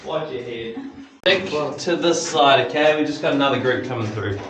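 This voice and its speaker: A man leads a group through a limestone cave, explaining the formations and calmly telling people where to stand. His voice carries a heavy cave echo and sits some way from the microphone. A faint hiss of background noise runs underneath. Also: medium pitch, moderate pace, recorded from a distance. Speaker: cave tour guide. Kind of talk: guided tour explanation to a group.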